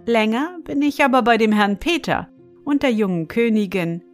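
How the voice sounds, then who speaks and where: A woman reading a fairy tale aloud, expressive and addressing the listener with little asides. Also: on the high side, normal speed, faint music behind. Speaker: storyteller.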